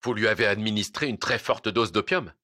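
A man reading aloud and voicing a calm, cautious surgeon who weighs his words. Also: on the low side, fairly quick, dry recording, studio quality. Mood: measured.

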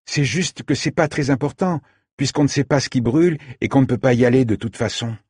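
A man voicing a sharp-tongued, guarded teenage girl who speaks bluntly and dismissively. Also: medium pitch, fairly quick, breathy edge, no room sound, studio quality, pitched above the performer's own voice, close to an everyday voice.

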